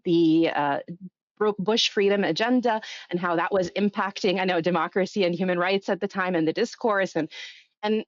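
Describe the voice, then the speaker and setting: A woman in her thirties, born in Egypt and raised in the US, appears as a podcast interview guest and think tank executive director, giving long, earnest, articulate answers. Her voice is lowish, with no echo and the high frequencies cut off.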